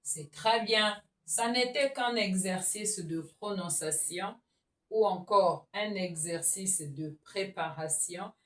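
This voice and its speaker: Slow, deliberate woman teacher in an echoey room. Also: medium pitch. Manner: slow, deliberate, loud drilled syllables with short praise. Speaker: reading teacher. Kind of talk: phonics reading lesson. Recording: roomy echo, voice from far off.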